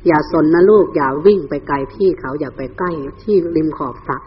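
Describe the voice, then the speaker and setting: A man's voice: on the high side, a little fast, in a large hall, slight background noise, lightly acted. A monk voicing an anxious grieving royal mother. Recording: tinny phone-like recording.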